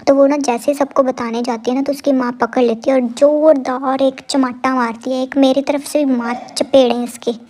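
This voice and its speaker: A woman's voice: high-pitched, level tone, moderate pace, hardly any pauses, a little mellow. A woman casually recapping a TV drama episode. She retells the dialogue plainly and breaks in with her own reactions.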